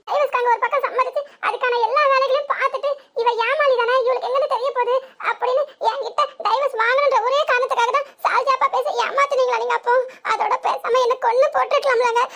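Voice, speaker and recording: A woman's voice: very high-pitched, fairly bright tone. A woman voicing a hurt young cartoon wife who reproaches her husband, with a southern Tamil accent. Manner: emotional, reproachful. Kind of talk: cartoon voice acting.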